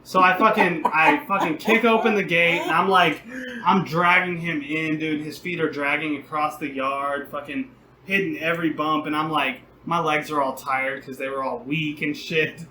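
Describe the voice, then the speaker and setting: A young man co-hosting a podcast, telling a long, rambling, profane story in a casual, animated way. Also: fairly high pitch, moderate pace. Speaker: podcast co-host. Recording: roomy echo, faint background noise.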